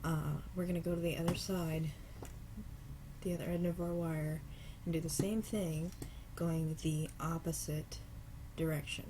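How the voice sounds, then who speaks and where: This is a casual home craft tutorial: a low-pitched woman, nasal from a cold, shows viewers how to make earrings step by step at her table. She sounds relaxed and never rushes, stopping occasionally to apologize over a soft hiss of noise.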